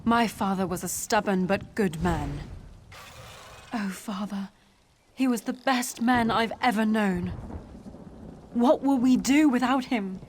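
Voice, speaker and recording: Woman acting a plaintive, slow-spoken grieving daughter. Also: medium pitch, a little mellow, slight background noise, close to an everyday voice. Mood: mournful. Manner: plaintive, halting, emotional. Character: grieving, tender daughter of a dead townsman. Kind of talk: video game character acting.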